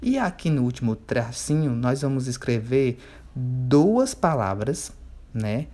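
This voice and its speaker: A man, teaching a remote workbook lesson to children. He checks in often and stretches words slowly when he spells out syllables. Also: mid-range voice, expressive, dark tone.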